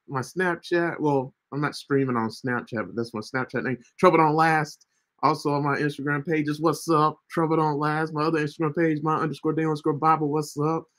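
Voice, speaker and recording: A man's voice: fairly high pitch, a bit bright. A man in his thirties hosting a casual faith livestream, chatty and loose, often tagging his sentences with "right?". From United States. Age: 30s. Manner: chatty, repeats himself, keeps asking "right?". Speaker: ministry livestream host.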